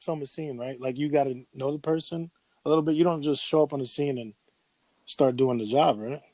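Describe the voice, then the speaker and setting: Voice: medium pitch, fairly quick, warm tone, dry recording. Casual podcast host asking blunt stuff, dry sound. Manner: blunt, informal questions. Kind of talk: casual interview chat.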